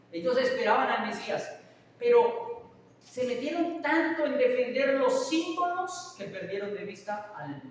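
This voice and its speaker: A man's voice: very high-pitched, fairly bright tone. A man preaching a sermon, often putting questions to his congregation. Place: church hall. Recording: echoey hall from far off, faint hiss.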